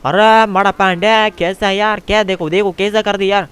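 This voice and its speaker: A man doing an excitable village friend. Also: sits high, moderate pace, smooth, voice pushed up. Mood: excited.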